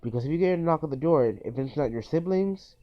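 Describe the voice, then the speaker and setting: A man with a slightly high, expressive voice hosts a video, offering informal list-style advice in an earnest, cautionary way and repeating his phrasing. He speaks at a quick pace, and the phone recording sounds dull and lo-fi.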